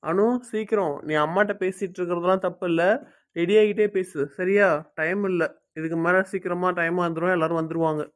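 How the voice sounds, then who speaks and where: A man playing a high-voiced easygoing young husband. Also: fairly even intonation, brisk, a bit bright. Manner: easygoing, talkative. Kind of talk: amateur family drama acting.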